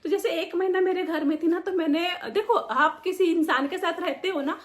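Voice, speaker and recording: Woman, high voice, young adult, casual storytime vlog, emotional, venting. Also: moderate pace. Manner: emotional, venting, acts out quoted people. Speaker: vlogger.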